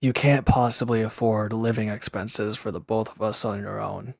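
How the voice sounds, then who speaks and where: In a scripted roleplay audio drama addressed to the listener, a man plays a gruff, guarded former villain who's reluctant to lean on anyone. He's curt, grumbling and defensive, matter-of-fact and insistent, with sighs and hesitant breaks. His fairly low voice stays steady at normal speed in clean studio sound with no echo.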